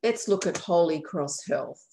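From a county aging services office, a woman guides viewers through a website on her shared screen, friendly and explanatory while correcting herself. Her fairly low, dark, creaky voice has lively intonation and runs a little slow. A computer mic on a video call picks up slight background noise.

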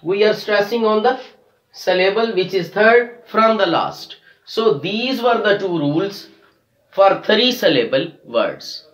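A fairly high-voiced man teaches an English lesson at a slow, careful pace. He spells out letters and drawls example words, repeating them for emphasis. The sound carries a noticeable echo from the room. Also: expressive, a bit bright. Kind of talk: classroom lesson on word stress.

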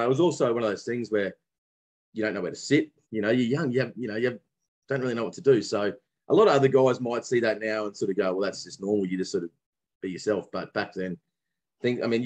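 A young adult man from Brisbane with an Australian accent, chatting casually as a podcast guest and telling stories with friendly slang and plenty of restarts. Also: lowish voice. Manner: relaxed storytelling with mateship slang and many restarts. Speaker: guest, former professional cricketer.

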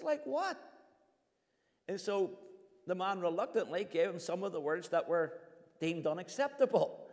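High-voiced preacher in a hall. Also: male voice, darkish tone. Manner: storytelling with anecdotes, rising to emphatic preaching. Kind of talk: sermon. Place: church hall. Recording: long reverb of a church hall.

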